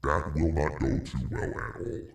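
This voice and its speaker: A male streamer talking through a deep voice changer that makes him sound like a monstrous creature, speaking slowly and deliberately. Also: little pitch movement, vocal fry, roomy sound, recorded from a distance, heavily acted. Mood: chatty. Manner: slow, careful, deliberate talking. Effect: deep voice changer filter.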